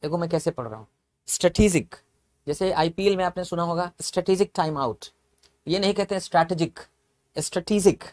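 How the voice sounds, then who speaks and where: A man's voice: fairly high pitch, fast, darkish tone. Man spelling out words letter by letter. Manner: explains step by step, spells words letter by letter and repeats them. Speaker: English vocabulary teacher. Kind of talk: classroom lecture.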